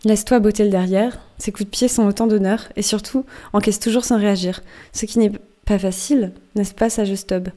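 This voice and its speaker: A woman doing a slow mumbling old merman. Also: mid-range voice, fairly even intonation, warm tone, natural voice. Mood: mocking. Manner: slow, mumbling, repeating himself. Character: old hairy hunchbacked male merman, mumbling, mocking. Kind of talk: audiobook reading.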